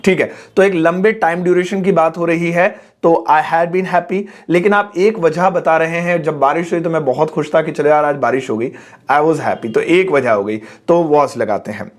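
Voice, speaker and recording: A man's voice: fairly high pitch, moderate pace. A male English teacher reading out viewers' questions and explaining the answers patiently with everyday examples. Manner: reads each comment aloud, then explains it patiently with everyday examples.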